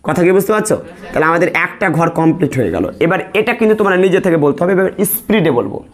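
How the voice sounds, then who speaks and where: A man's voice: high voice, lively intonation, fast. A male math teacher leading a classroom lesson, asking questions and repeating the answers step by step. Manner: repetitive call-and-response questioning.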